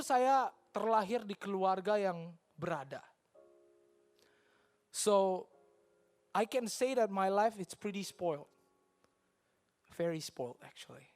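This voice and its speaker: A woman with an Indonesian accent giving an earnest personal testimony in church, switching between Indonesian and English and sinking into soft near-whispers. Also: medium pitch.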